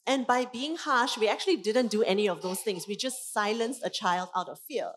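Woman in her thirties, parenting coach, conference talk, animated, mid-pitched voice. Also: moderate pace.

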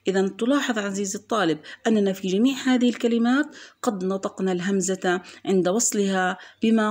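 A woman's voice: medium pitch, darkish tone. Patient woman teaching a grammar lesson. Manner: patient, explains step by step, repeats example words slowly. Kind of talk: recorded grammar lesson for children.

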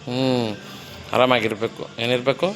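A man's voice: medium pitch, flat delivery, moderate pace, rough recording. A male fitness trainer coaching a client through a gym workout, encouraging her, counting reps and cueing her breathing.

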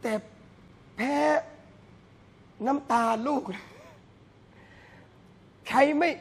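A man preaching a casual, joking Islamic sermon to a gathering, swinging between loud exclamations and quiet asides. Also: extremely slow. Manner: joking storyteller who addresses listeners as brothers and sisters. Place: café venue.

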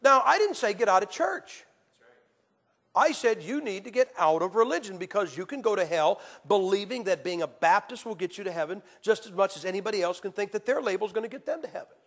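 A man preaching a sermon, telling stories with acted quotes and swinging from loud to hushed. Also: high voice, lively intonation, fairly quick. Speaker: evangelist preacher. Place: church. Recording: hall reverb.

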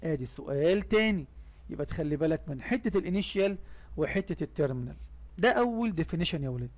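A young man with an Egyptian Arabic accent and a high voice teaches a math lesson. He walks through each step, poses questions and answers them himself, and drops English math terms into his Arabic. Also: lively intonation, fast.

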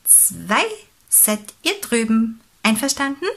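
A woman voicing a strong, helpful pelican in a children's storybook, talking loudly and heartily. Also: on the high side, sing-song, takes it slowly, exaggerated voice. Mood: hearty. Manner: loud, bright and hearty.

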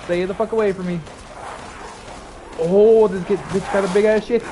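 A man's voice: sits high, steady tone, moderate pace, noisy background. A young man streaming a horror game, reacting with panicked, swearing outbursts and running commentary. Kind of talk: live gameplay commentary.

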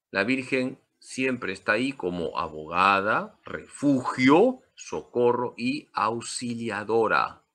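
Male priest, bright forceful voice, lively preaching. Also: mid-range voice. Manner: emphatic, lively teaching with humor. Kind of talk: Marian catechesis talk.

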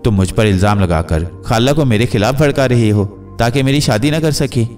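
A man's voice: medium pitch, normal speed, darkish tone, natural voice. A man voicing a boastful, quarrelsome comic character who bickers with his rival suitor. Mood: indignant. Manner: indignant, quarrelsome. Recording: distant mic with faint music.

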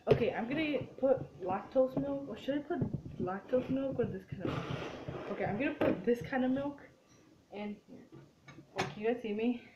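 A young woman from a Mexican family chatting casually while cooking, full of "like" and "dude" and quick to say "ew". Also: fairly high pitch, muffled recording, heavy background noise. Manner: chatty and easily grossed out, lots of "like" and "dude". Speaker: vlogger. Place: dim home kitchen.

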